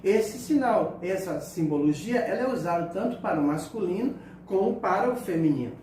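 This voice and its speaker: A man teaching a sign language lesson, speaking haltingly and repeating words as he demonstrates signs. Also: sits high, expressive, warm tone. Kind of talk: spoken lesson explaining signs. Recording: echoey distant mic with faint room noise.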